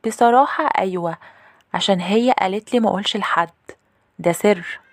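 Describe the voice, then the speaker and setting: A woman's voice: mid-range voice, fairly quick, no room sound, studio quality, voice pushed up, lightly acted. A woman voicing a clingy, defiant little girl with an Egyptian accent. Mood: childlike pleading.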